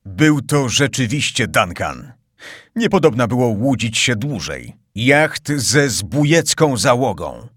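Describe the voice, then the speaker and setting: A man reading an adventure novel aloud as audiobook narrator, with an expressive, suspenseful delivery. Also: mid-range voice, slow pace, slightly rough, no echo, studio quality.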